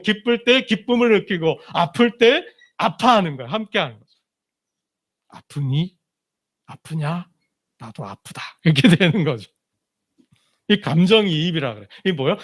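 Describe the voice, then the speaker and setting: A man preaching a Sunday sermon as pastor, in a conversational style full of rhetorical questions, his voice dropping low and soft at emotional points. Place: church sanctuary.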